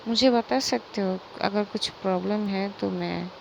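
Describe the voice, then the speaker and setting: Gentle elder brother, voiced by a female storyteller, gravelly tone. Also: medium pitch, a little slow, slight background noise, low-quality recording. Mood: concerned. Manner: gentle, coaxing. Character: concerned older brother, gentle.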